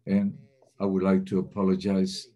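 A low-voiced man provides simultaneous interpretation for talks in a remote webinar. He speaks steadily and in a measured way, hesitating now and then.

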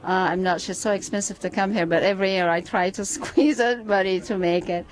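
A woman's voice: mid-range voice, steady tone, fast, a little hiss or hum, rough recording. A woman from Ethiopia, cheerful and eager, speaking into a handheld mic on a street outdoors. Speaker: interviewee, marathon runner. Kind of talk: street interview.

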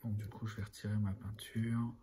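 A man talking through a miniature painting tutorial in a relaxed, rambling way, full of fillers and dropping to a murmur while he works. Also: lowish voice, moderate pace.

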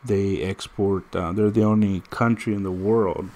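With a fairly low, warm, steady voice and an unhurried pace, a man in his thirties from the United States chats casually while playing a mobile fighting game. His stories ramble, and he's direct, with many restarts.

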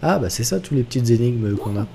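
A man's voice: mid-range voice, lively intonation, brisk, creaky, dark tone, a little hiss or hum. A young adult man streaming a game live, chatting and joking with his viewers in a rambling casual way. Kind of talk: casual live gameplay commentary.

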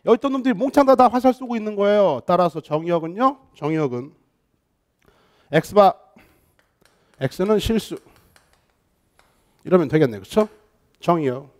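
A man teaching a math lesson online, lively and coaxing, often checking whether students follow and mixing polite and casual speech. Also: sits high, moderate pace, long pauses.

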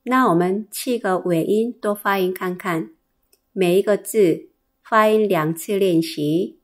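A woman's voice: medium pitch, measured pace. A woman teaching a pronunciation lesson, enunciating carefully and repeating each drilled syllable. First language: Korean. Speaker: Korean language teacher.

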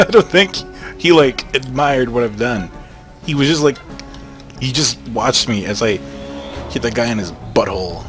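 A young man commenting casually on a game he is playing, joking and swearing in excited outbursts. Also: mid-range voice, normal speed, long pauses, faint music behind. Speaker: gaming channel host.

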